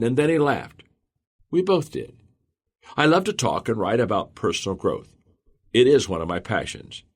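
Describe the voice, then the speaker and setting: A man reading a motivational audiobook in the first person, earnest and measured. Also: on the low side, husky. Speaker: audiobook narrator. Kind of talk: scripted audiobook narration.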